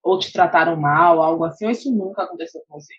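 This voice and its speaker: A Brazilian woman co-host asks measured questions, hedging as she thinks aloud. Her voice is husky. The sound is dry and dull, with a slightly lo-fi edge. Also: fairly low pitch, no echo. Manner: measured, thoughtful questions with hedges. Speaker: podcast co-host. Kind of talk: interview questions.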